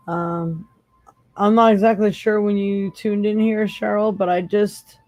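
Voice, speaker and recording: A woman with a mid-range, slightly mellow voice hosts a live psychic tarot stream, recorded dry. She is hoarse from losing her voice, yet chats casually with viewers and laughs often.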